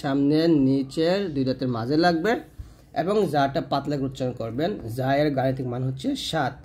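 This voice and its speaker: A man teaching Quran reading, explaining step by step how to pronounce letters and stretching each sound out slowly to demonstrate. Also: medium pitch, darkish tone, slight background noise. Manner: patient, explanatory. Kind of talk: step-by-step pronunciation lesson.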